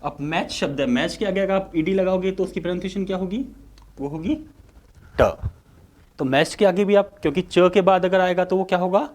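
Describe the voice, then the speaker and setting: Male tutor with a Hindi accent, slightly high voice, quizzes and answers himself, lecture style. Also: darkish tone. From India. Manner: rhetorical questions answered himself, drawn-out sounds. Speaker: English teacher. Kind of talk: exam-prep lecture.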